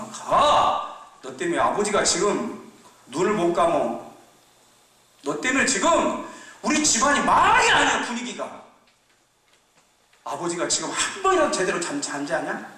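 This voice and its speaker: Elder brother put on by a preacher: pushy, scolding, lively up-and-down voice, miked from a distance. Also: male voice, high-pitched, pitched above the performer's own voice, full character voice. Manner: insistent and scolding, then shouting out loud. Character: young adult man, an elder brother dragging his runaway sibling home. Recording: echoey church hall, mic far off.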